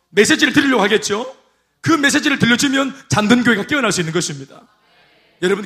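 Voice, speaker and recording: A male pastor preaches in a church, his voice pitched high for a man. He keeps drawing amens and hallelujahs from the congregation. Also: bright, forceful tone. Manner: call-and-response preaching, repeated amens and hallelujahs. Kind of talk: sermon. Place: church sanctuary.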